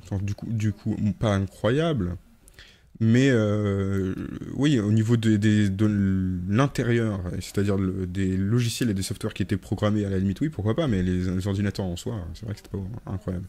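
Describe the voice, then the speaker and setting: Low, mellow-voiced man streaming a game. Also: moderate pace. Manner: rambling, many hesitations and self-corrections; joking, chats with viewers while playing. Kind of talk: casual live gameplay chat.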